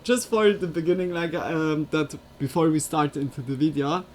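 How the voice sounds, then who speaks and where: A woman's voice: low-pitched, normal speed, a little mellow, slight background noise. A woman chatting casually and giggling on a live stream, with loose non-native phrasing, into a USB desk microphone.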